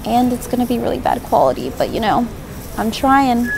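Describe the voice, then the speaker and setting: A woman's voice: on the high side, sing-song, fairly quick, vocal fry. A young adult woman chatting casually to camera in a rambling, self-deprecating, informal vlogger style. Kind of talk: casual vlog chat to camera. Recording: noisy handheld vlog with background ambience.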